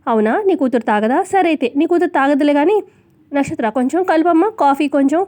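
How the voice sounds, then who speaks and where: A woman's voice: high voice, a little fast, warm tone, close to an everyday voice. A woman voicing a confident young heiress who teases and gives orders. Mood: mocking. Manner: teasing, commanding.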